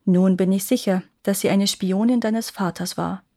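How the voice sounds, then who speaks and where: A woman voicing a calm, wise fairy queen. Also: mid-range voice, moderate pace, natural voice.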